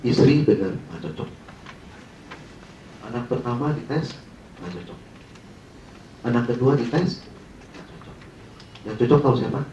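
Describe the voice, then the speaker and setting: A man's voice: medium pitch, animated, measured pace, long pauses, warm tone, a little hiss or hum. A man leading a sales training, telling a dramatic story and asking the audience questions, heard in a dull, roomy recording from a distant mic.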